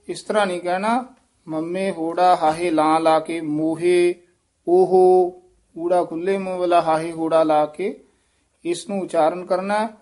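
A man teaching correct recitation of sacred verses, repeating words slowly and spelling out the vowel marks. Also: high voice, darkish tone.

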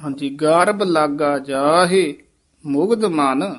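A man teaching scripture recitation, repeating lines and calmly pointing out pauses and correct pronunciation. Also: fairly high pitch. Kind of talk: pronunciation instruction.

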